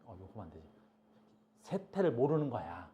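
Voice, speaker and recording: A middle-aged male teacher giving a classroom lecture, chatty and lively, often stopping to ask the class if they understand and scolding students in passing. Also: mid-range voice, brisk, slight background noise. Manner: keeps asking "알겠니?" to check understanding. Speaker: high school biology teacher. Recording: dull lo-fi classroom recording.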